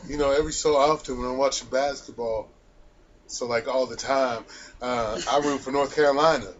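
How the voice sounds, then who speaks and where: A man's voice: medium pitch, fairly even intonation, normal speed. A man co-hosting a casual wrestling podcast, joking, teasing and swearing freely, on a muffled lo-fi recording. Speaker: podcast co-host. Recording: muffled lo-fi recording with faint hiss.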